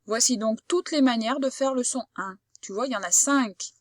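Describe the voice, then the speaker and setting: With a fairly high voice, a woman who teaches primary school gives a patient phonics lesson, carefully sounding out words for a child at a slow, well-articulated pace. There's no echo, and the studio sound is clean.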